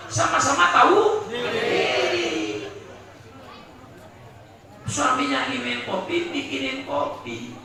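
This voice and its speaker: A man preaching a humorous sermon to a live congregation, joking, asking the crowd for agreement and acting out household exchanges. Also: high-pitched. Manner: jokey, asks the crowd for agreement, acts out short household exchanges. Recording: very echoey hall, voice far from the mic, crowd audible.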